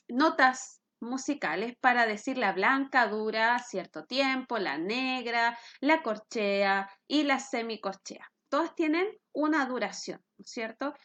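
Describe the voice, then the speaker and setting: A woman's voice: fairly high pitch, a bit bright. A middle-aged woman, teaching a physics lesson and checking in with her students as she explains. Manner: patient, explains with questions to students.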